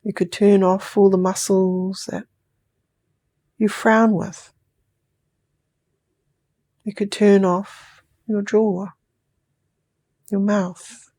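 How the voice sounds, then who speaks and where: Speaking with a New Zealand accent, a woman eases the listener through sleep hypnosis in slow, calming, drawn-out phrases, some of them whispered. Her mid-range voice is warm and holds a level tone.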